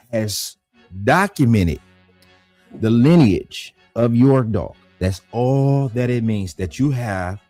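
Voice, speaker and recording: A man hosting his own channel, talking in a blunt, combative rant, firing off repeated rhetorical questions and climbing higher in pitch as he gets worked up. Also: a little mellow, no echo. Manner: voice rises high when worked up. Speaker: dog breeder and channel host. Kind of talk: heated casual monologue.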